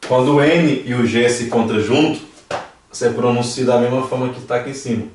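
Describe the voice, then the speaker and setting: A Brazilian man teaches a language class, patiently saying each word slowly and repeating it for his students. His voice is mid-pitched and reaches the mic from across the room. The sound bounces around a big echoey church hall, with faint noise behind him. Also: fairly even intonation, darkish tone, distant mic. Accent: Brazilian Portuguese.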